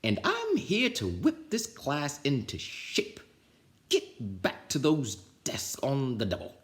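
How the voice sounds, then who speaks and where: A man voicing a strict, scheming, witchy woman substitute teacher in a storybook, scratchy and drawn-out. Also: medium pitch, wildly swooping pitch, a bit bright, pitched above the performer's own voice, exaggerated voice. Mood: menacing. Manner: slow, drawn-out commands.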